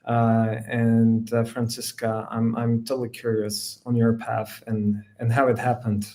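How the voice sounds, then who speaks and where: A man hosting an online design panel, introducing guests with many pauses and fillers. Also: medium pitch. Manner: relaxed, hesitant with many fillers. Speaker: host, design manager.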